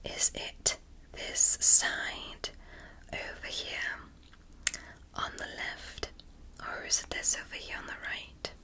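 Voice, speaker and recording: Soothing and soft, a woman whispers as a calm, clinical alien doctor in an ASMR roleplay, reassuring the listener while giving precise, measured instructions.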